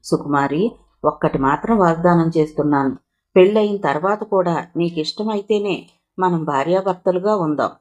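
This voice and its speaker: A woman voicing a gentle earnest suitor. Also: moderate pace, natural voice. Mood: tender. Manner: calm, low-voiced pleading. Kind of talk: audiobook reading of a novel.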